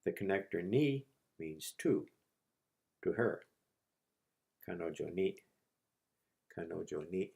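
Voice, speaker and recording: A man teaching a language lesson, repeating each word slowly and patiently for learners. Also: deep voice, animated, gravelly, dark tone. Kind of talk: slow, patient lesson narration.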